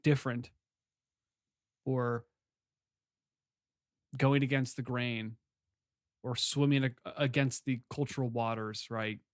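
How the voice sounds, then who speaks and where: Male podcast co-host, mid-pitched, rambling casual comic chat, dry sound. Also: steady tone, slow, pauses often, dry recording. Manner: rambling, restarts while building a point.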